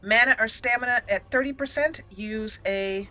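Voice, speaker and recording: On her gaming channel, a woman with a slightly high voice and sharp tone speaks at normal speed, offering casual play-by-play and thinking out loud about every move. Game music plays underneath.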